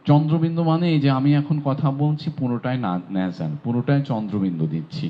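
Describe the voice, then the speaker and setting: A man giving a pronunciation lesson, sounding out words slowly and repeating them with care. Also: mid-range voice. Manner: slow, drawn-out demonstration of sounds. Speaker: pronunciation teacher. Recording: dull lo-fi audio.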